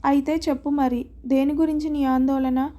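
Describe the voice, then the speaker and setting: A woman's voice: high voice, little pitch movement, normal speed, mellow, lightly acted. A woman voicing a caring, outspoken middle-aged woman who teases and scolds her friend. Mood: scolding. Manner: teasing, then scolding.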